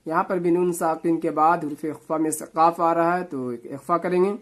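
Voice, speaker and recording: A man teaching Quran reading, spelling out letters and vowel marks syllable by syllable, with quick explanations. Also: fairly high pitch, steady tone. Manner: slow drawn-out syllable-by-syllable recitation between quick explanations. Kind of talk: spelling-out recitation lesson.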